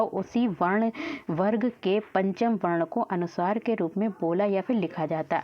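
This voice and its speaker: Female teacher, classroom grammar lesson, patient and repetitive, mid pitch, muffled lo-fi audio. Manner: asks and answers her own questions. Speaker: Hindi teacher. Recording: dull lo-fi audio.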